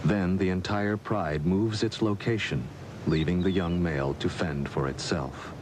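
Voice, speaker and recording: A man reading scripted nature documentary narration in a measured, formal storytelling way. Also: sits low, background noise.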